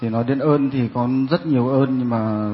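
Quiet hesitant guy in his 40s, lots of pauses, big echoey hall. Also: medium pitch. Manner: soft-spoken and hesitant, many pauses. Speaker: congregant giving testimony. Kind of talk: halting testimony. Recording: dull sound in a reverberant hall.

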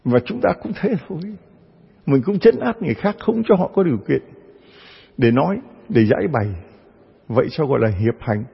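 Priest giving a sermon, raspy voice, acts out other voices, reverberant lo-fi church recording. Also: male voice, a little high, big pitch swings, brisk, pauses often. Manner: storytelling, acts out parishioners' voices. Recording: dull sound with long church reverb.

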